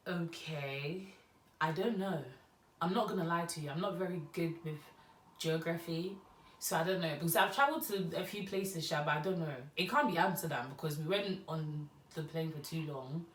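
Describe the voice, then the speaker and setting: A young Ghanaian woman talks through a casual vlog, her Ghanaian English carrying Nigerian touches. Her voice sits low and she rambles in a chatty, storytelling way. The sound is roomy and a little distant from the mic. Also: moderate pace, a little hiss or hum. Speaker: YouTuber. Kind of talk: casual get-to-know-me vlog.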